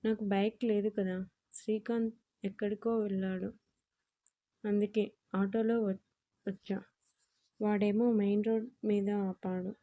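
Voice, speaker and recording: A woman's voice: medium pitch, level tone, unhurried, pauses often, dark tone, close to an everyday voice. A woman voicing a playful young man who teases his girlfriend in an audio story, her speech bantering and affectionate. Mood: teasing. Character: teasing playful young man, college-aged lover. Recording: dull lo-fi audio.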